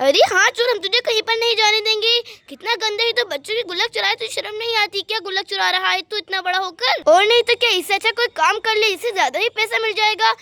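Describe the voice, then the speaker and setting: A woman's voice: extremely high pitch, quick pace, hardly any pauses, bright, forceful tone, no echo, full character voice. A woman voicing a bold adult woman in a doll story, scolding a thief indignantly. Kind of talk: doll story role-play.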